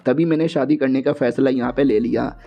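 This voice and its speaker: A man's voice: medium pitch, fairly even intonation, fairly quick, creaky, lo-fi sound, faint music behind, voice pushed down. A man voicing a brazen flirty princess bride. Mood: teasing. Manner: teasing, pleading, coaxing.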